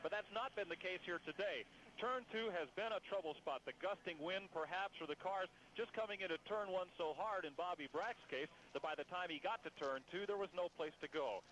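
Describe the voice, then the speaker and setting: A man's voice: high voice, fairly quick, fairly bright tone. An American man working as a motorsport commentator, reporting live from trackside for radio. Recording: dull, noisy radio feed.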